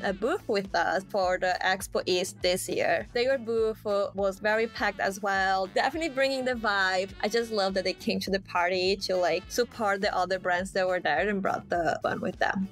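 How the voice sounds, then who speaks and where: A woman guest chatting excitedly on a podcast. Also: medium pitch, normal speed, few pauses, faint music behind. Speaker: head of marketing and community, guest. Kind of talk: casual chat.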